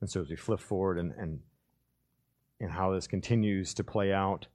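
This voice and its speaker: A male pastor preaching a sermon, swinging between loud, fervent stretches and hushed, drawn-out emphasis, and acting out the voices of biblical figures as he retells the story. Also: low voice.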